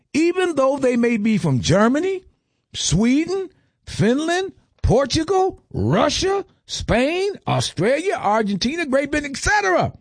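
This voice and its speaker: High, lively man lecturing emphatically. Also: dry recording, studio quality. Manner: emphatic, lists items with rising stress, rhetorical questions. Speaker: speaker giving a lecture. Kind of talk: impassioned lecture.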